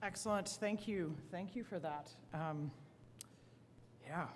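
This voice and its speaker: A woman's voice: lowish voice, slow, crowd noise. Woman moderator in an echoey hall. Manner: appreciative, rephrases and hands off questions. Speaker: panel moderator. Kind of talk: moderating a conference panel. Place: conference hall. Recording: reverberant conference hall.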